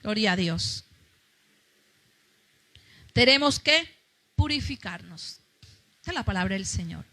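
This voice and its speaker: A woman's voice: medium pitch, animated, a little slow, pauses often, bright, forceful tone. A woman pastor preaching a fervent sermon, calling out to her congregation.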